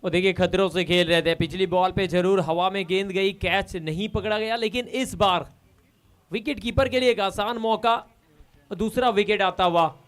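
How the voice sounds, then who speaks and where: A man's voice: sits high, steady tone, moderate pace. A man giving live cricket analysis as co-commentator in a conversational, explanatory way. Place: commentary box at a cricket ground.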